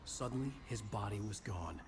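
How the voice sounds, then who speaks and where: An actor playing a brooding writer who narrates his nightmare in a solemn, measured, dramatic way for a video game. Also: fairly low pitch, lively intonation, a little hiss or hum. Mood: somber.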